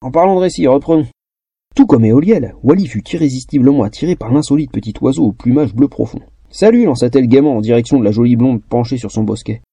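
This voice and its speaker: Narrateur masculin, récit de fantasy, timbre voilé, diction joueuse. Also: male voice, medium pitch, fast talker, mellow, husky, dry recording. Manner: playful, teasing. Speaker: storyteller. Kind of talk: scripted storytelling.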